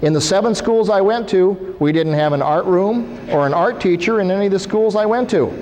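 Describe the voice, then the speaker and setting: Guest speaker, middle-aged man, chatty and quizzing the crowd, slightly high voice, long hall reverb. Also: a little fast, darkish tone. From Iowa, USA. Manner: conversational, asks the audience questions. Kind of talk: interactive talk to a school audience. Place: school hall. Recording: reverberant 1990s hall recording with faint hiss.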